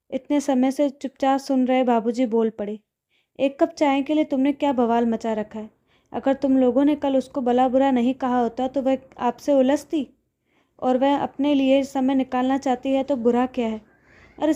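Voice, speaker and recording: A woman tells a scripted family story, speaking every character's lines in her own voice. Her voice sits high but sounds mellow and soft-edged. The recording is a little dull and lo-fi.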